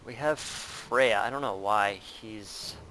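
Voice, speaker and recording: A man's voice: fairly low pitch, takes it slowly, bright, forceful tone, a little hiss or hum. A man giving casual, rambling commentary over his own gameplay, with many fillers.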